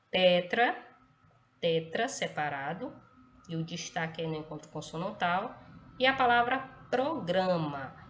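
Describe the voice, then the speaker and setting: A woman's voice: medium pitch, fairly bright tone. Woman teacher, mid-range voice, patient step-by-step explaining, faint hiss behind. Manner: explanatory, checks in with frequent "tá?" and "ok?". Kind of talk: recorded online class lesson.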